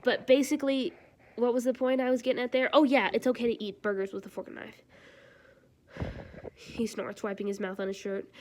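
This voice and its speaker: A woman's voice: fairly high pitch, little pitch movement, fairly quick, long pauses, a little mellow. Woman streamer reading a fanfic live, chatty, exclaims a lot at the story. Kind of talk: live reading and reacting to fan fiction.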